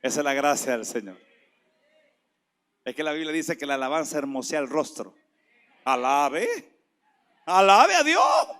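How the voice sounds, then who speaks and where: A man preaching a sermon with passion, dropping to a hush and then rising to shouts. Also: medium pitch, normal speed, pauses often. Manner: impassioned, swings from hushed to shouting.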